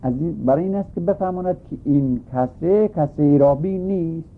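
A man's voice: on the high side, breathy edge. A man teaching a grammar lesson, patiently explaining a text and repeating each point in new words. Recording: tinny phone-like recording.

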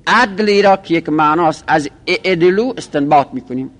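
A man's voice: a little high, lively intonation, fairly bright tone. A man teaching a grammar class, explaining step by step and repeating each example in a list. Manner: methodical, repeats examples in lists. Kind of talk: classroom lecture.

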